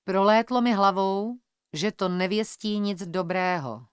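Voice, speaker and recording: A woman reading a first-person audiobook in a measured, tense storytelling manner. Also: mid-range voice, clear, resonant tone, no room sound, studio quality. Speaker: audiobook narrator. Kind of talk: scripted first-person narration.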